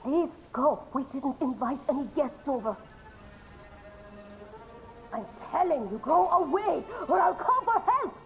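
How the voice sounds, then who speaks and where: An actress playing a frightened village woman who shouts through a closed door to turn a stranger away, in a shrill, pleading, panicky way. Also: animated, a little slow, long pauses, lo-fi sound, soft background music, heavily acted. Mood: fearful. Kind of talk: video game voice acting.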